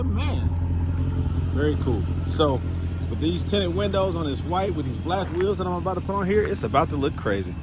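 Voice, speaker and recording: A man narrates his car work in a casual vlog. His pitch swings lively up and down, and he sounds pleased as he repeats his praise. Steady background noise sits behind his voice. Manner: relaxed and enthusiastic, repeats praise with exclamations. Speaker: auto shop owner. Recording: noisy background.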